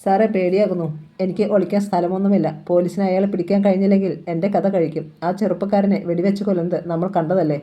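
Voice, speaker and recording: A frightened young woman dealer in an audiobook crime thriller, voiced by the woman narrator. She speaks in a low, mellow voice that stays fearful and pleading. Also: fairly even intonation, fast, highs cut off, natural voice. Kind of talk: audiobook novel reading.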